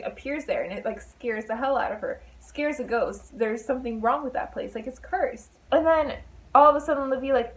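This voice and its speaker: A woman's voice: fairly high pitch, low-quality recording. A young woman chatting casually as a book vlogger, full of fillers and asides.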